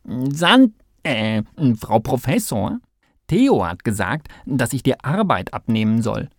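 A man voicing an eager, impatient little male mole in a children's storybook, with loud, excited exclamations. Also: mid-range voice, slow pace, dry recording, clean studio sound, heavily acted. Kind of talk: storybook read-aloud.

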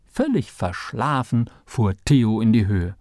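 A man reads a children's story aloud, slowly and with a lively, rising and falling melody. His voice is mid-pitched, expressive and measured, recorded close up and very dry. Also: no echo. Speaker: narrator.

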